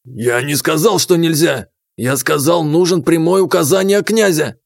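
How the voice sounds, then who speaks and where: A fussy, pedantic court treasurer with a German accent protests in clipped, ungrammatical phrases, as a male narrator puts him on. His voice rides a little high and turns shrill when he is cornered, and the recording is close and dry. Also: moderate pace, gravelly, no room sound. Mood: indignant. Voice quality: clipped, broken grammar.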